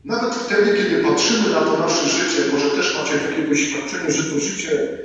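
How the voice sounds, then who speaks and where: A man preaching as a priest, solemn and deliberate, repeating key words for weight. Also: a little high, lively intonation, fairly bright tone, lo-fi sound, a little hiss or hum. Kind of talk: sermon. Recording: echoey hall from far off.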